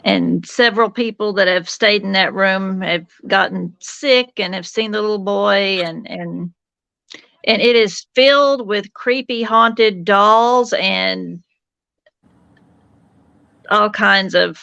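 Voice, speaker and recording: A woman's voice: medium pitch, takes it slowly, gravelly, fairly bright tone, no echo, muffled recording. A woman, chatting casually as co-host of a paranormal podcast from home. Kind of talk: casual chat. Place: home bedroom.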